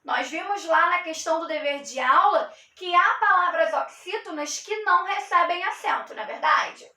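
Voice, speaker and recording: A woman teacher gives a review lesson to children, slowly stretching out syllables and answering her own questions. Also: extremely high pitch, bright, forceful tone, reverberant. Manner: slow, clearly paced, stretching out syllables; asks questions, then answers them.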